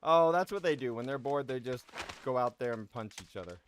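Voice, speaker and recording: A casual male streamer talking to his chat while he plays, in an everyday mid-pitched voice. He runs viewer games between rounds in a relaxed, chatty way, and a faint hiss sits under the audio. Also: a little fast. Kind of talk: live gameplay commentary.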